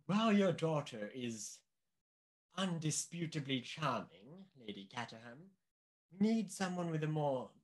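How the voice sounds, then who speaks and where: A male actor with a high-leaning voice portrays a pompous, anxious upper-class government official in a mystery radio play. He speaks deliberately and with emphasis.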